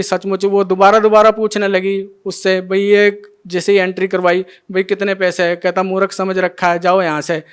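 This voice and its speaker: A man's voice: sits high, clear, resonant tone. A man with a young son, earnestly telling a personal testimony as a devotee and retelling conversations in quoted dialogue.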